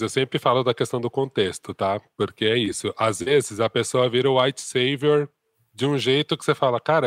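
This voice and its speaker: A man in a casual discussion who talks in an animated, slangy way and often acts out what other people say. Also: mid-range voice, dry recording, studio quality. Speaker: discussion panelist.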